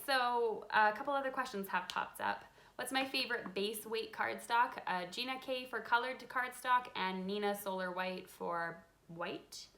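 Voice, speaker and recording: This is a medium-pitched craft channel host in her thirties, relaxed and live, taking card-making questions from viewers. Frequent ums fill the gaps as she reads them aloud in her home craft room, where a window lights the desk.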